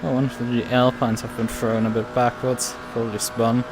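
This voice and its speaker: Man sim racing over clear engine noise. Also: mid-range voice, little pitch movement, normal speed. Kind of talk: casual live race commentary while driving. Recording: race car engine noise behind voice.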